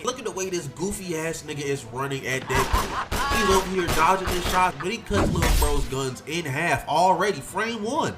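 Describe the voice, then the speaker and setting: A man's voice: a little high, very noisy. A man in his twenties giving a joking, slang-heavy recap of fight scenes, full of hype and asides. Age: 20s. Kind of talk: comedic recap narration. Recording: music bed under voice.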